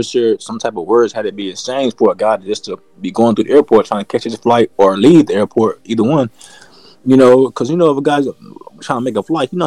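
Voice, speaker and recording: Male co-host, low voice, rambling casual sports chat with faint music underneath. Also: a little mellow, dry recording. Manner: rambling, leans on "you know" and "like I said".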